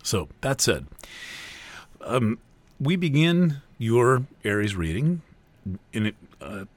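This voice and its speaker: A man giving a spoken astrology forecast in a thoughtful, hesitant way, with many pauses and fillers. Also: mid-range voice, big pitch swings, no room sound. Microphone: close voice recording.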